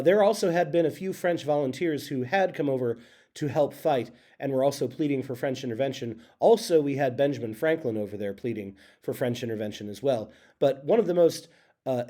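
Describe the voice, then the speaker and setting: A man teaching a history lesson in a casual, halting way, with many fillers and self-corrections. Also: medium pitch, mellow. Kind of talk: recorded classroom lecture.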